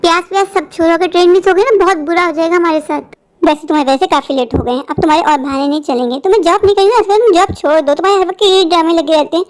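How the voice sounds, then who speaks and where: Brief: a strict lecturing colleague, fast-talking and shrill-high, played by a woman. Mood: scolding. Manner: scolding, lecturing. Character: strict bossy office woman, impatient. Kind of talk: cartoon voice acting.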